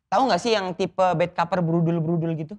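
Host, mid-pitched, chatty, always chiming in. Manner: chatty, quick agreeing interjections. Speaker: comedy talk show host. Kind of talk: casual chat.

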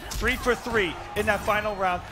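High-pitched male fighting game commentator, excitable. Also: normal speed. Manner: excitable, emphatic calls. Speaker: esports commentator. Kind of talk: live play-by-play commentary of a fighting game tournament. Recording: music behind the commentary.

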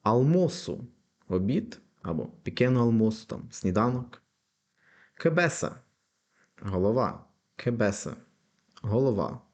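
A young man teaching a language lesson, patiently explaining and slowly repeating example words. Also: mid-range voice, lively intonation, a little mellow.

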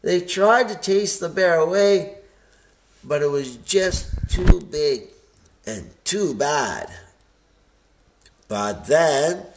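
A man reading a children's picture book aloud in a lively, expressive way. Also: on the high side, very slow, pauses often, a little hiss or hum. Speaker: storybook reader.

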